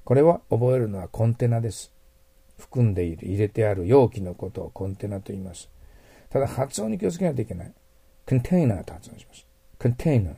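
A man's voice: on the low side, expressive, fast talker, vocal fry, dark tone, slightly rough, no echo. A man teaching English vocabulary in a patient lecture, explaining word roots and checking in with his students as he goes. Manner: patient, repeats words, checks in with "ne" and "hai".

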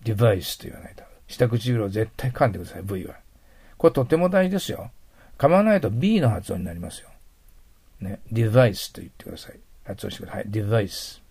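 A middle-aged man gives a patient vocabulary lesson in a low, gravelly voice with a husky edge. He explains each point at an even pace, and his phrases often fade into a near whisper. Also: fast talker. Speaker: English teacher.

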